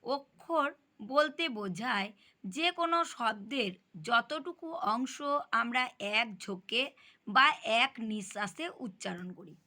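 A woman teaching a grammar lesson, asking questions and answering them herself as she spells words out slowly. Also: a little high, lively intonation, bright, forceful tone.

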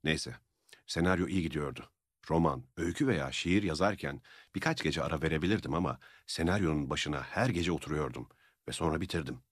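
A man narrating an audiobook in a measured, matter-of-fact reading. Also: very deep voice, breathy edge, no echo, clean studio sound. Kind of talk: scripted narration.

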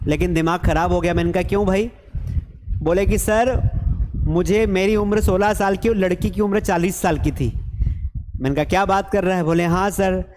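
Over a headset mic, a young adult man runs a live English class online from a blackboard classroom, bouncing between Hindi and English and cracking jokes with his audience. He has a high voice and a moderate pace, and there's slight background noise.

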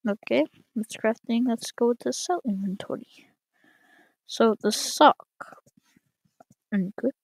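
High voiced woman streaming a game, slow drawn out talk, hyped and chatty, says bro a lot. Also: gravelly, no room sound, poor audio. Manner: excitable, reads game prompts aloud, calls out "bro". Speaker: gaming channel host. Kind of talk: live gameplay commentary.

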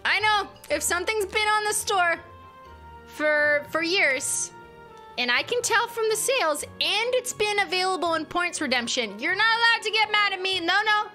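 Her voice is bright and high, with lively intonation and a moderate pace, as this young woman chats casually on a livestream. Playful and teasing, she laughs often while faint music plays behind her in an indoor home streaming room, picked up by a boom-arm studio mic.

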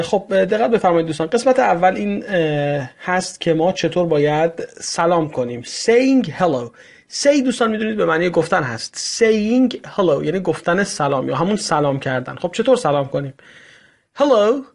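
Gravelly man teaching English phrases. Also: a little high, animated, darkish tone. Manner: slow, repeats each phrase with its translation. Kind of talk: explaining English to Persian learners.

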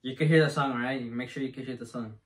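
A man chatting casually as a family vlogger, joking and bragging and sometimes turning loud. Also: mid-range voice, fairly even intonation, fast, far from the mic. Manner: boastful, joking, gets loud and over-enunciated. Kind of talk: casual chat.

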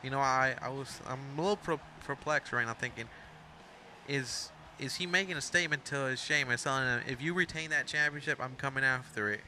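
Speaking briskly, this young Mexican fan commentator narrates a wrestling video game storyline in relaxed play-by-play. His mid-range voice comes across very bright and sharp against faint background hiss, and he chats, rambles and interrupts himself with asides.

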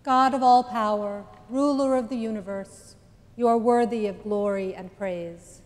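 A middle-aged woman priest leading a liturgical prayer at the altar, measured and solemn with deliberate pauses. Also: on the high side, fairly even intonation, a little mellow. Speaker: priest celebrant. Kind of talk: chanted-spoken liturgical prayer. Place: large stone church, indoors. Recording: long church reverb.

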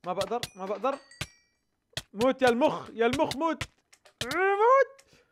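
A young man narrates his gameplay in a very high, quick voice. He gets excitable, repeating words and yelping when danger comes. A faint hiss of noise sits under the recording. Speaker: gaming YouTuber.

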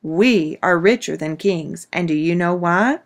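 A woman doing a slow, teasing storybook papa. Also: lowish voice. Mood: playful. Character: cheerful humble father, poor tailor.

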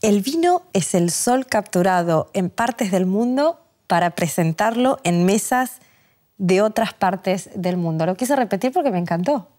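A woman's voice: mid-range voice, lively intonation, measured pace, a little mellow. A woman hosting a TV studio interview, asking curious, informal questions and repeating words as she starts. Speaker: TV interview host. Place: TV studio set.

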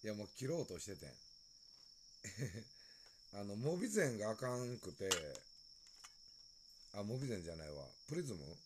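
Kansai man, casual late-night phone streamer, lowish voice with a lot of swing, chatty and easygoing, faint crickets behind. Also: a little mellow, slight background noise. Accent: Kansai Japanese. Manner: loose and chatty, greeting viewers and laughing often. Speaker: live streamer.

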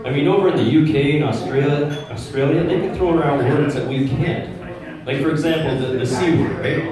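A middle-aged, Czechoslovakia-born stand-up comedian with no accent does a crude, conversational set on a small pub stage, asking the crowd "right?" His slightly high, fairly quick voice is caught from far back on a handheld mic over music. The roomy pub sound comes with loud crowd laughter.

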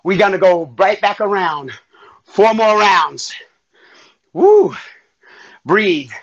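A high-pitched man coaching a live workout at full energy, counting down and cheering people through each round. He sounds winded from exercising along. The audio is a bit dull and muffled, like a livestream. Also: slow pace. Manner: energetic, calls out counts and encouragement; breathing hard while exercising. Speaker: fitness instructor. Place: home workout space.

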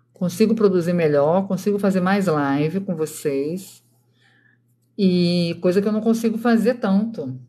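A woman's voice: on the low side, dark tone. A Brazilian woman in her thirties chats casually through a craft live stream from home at night. She talks straight to her viewers and keeps her voice down so the sleeping children stay asleep. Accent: Brazilian Portuguese. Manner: chatty, addresses viewers directly, keeps voice down for sleeping kids.

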